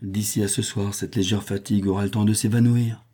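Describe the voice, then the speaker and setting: A man's voice: on the low side, flat delivery, brisk, dark tone, close to an everyday voice. A man voicing a cold, aloof head maid who answers curtly in a read-aloud novel. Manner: cold, curt.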